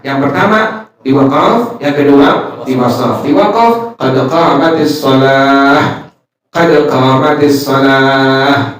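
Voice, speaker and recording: Male religious teacher, study-circle lecture, raised pitch, far from the mic. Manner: lively, joking, chants Arabic phrases slowly. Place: small neighborhood prayer room. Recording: very echoey room, mic far off.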